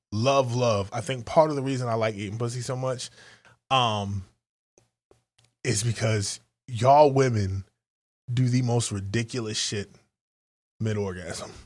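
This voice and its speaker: A man cohosting a podcast, telling raunchy stories in a profane, animated way and acting out voices. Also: lowish voice. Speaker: podcast co-host. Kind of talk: raunchy comedic banter.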